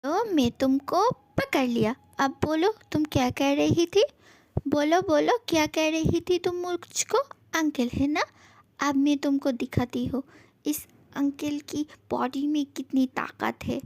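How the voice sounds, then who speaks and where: A woman's voice: high-pitched, measured pace, darkish tone, no room sound. A woman voicing a young husband in a fan audio drama, tender and pleading one moment, teasing and mock-threatening the next. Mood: playful threats.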